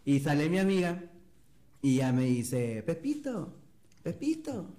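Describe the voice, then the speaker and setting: A man's voice: mid-range voice, expressive, a little slow, warm tone. A young man from Mexico, a guest in a casual interview, telling an anecdote and mimicking other people's voices. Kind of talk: casual storytelling.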